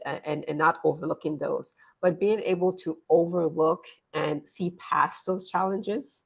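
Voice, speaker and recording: A woman's voice: sits low, vocal fry, slightly rough. A woman in her forties, born in Nigeria and raised in the US, talking earnestly as an interview guest and often repeating words. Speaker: guest, business consultant. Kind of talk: interview conversation.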